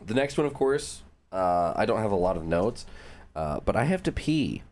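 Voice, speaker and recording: Deep-voiced man, loose joking podcast chat. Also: big pitch swings, moderate pace, darkish tone. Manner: loose, joking, swears freely. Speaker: podcast co-host. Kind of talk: casual chat about music.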